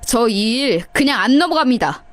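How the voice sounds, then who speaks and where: A woman's voice: on the high side, expressive, moderate pace, no room sound, lightly acted. Woman voicing a stiff, indignant brother-in-law.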